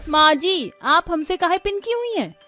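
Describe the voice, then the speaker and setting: A woman's voice: extremely high pitch, sing-song, normal speed, sharp tone, no room sound, exaggerated voice. A woman voicing a sweet young village bride in a cartoon story, with a lilting Bhojpuri-tinged rural accent. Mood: affectionate. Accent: Bhojpuri-tinged rural Hindi.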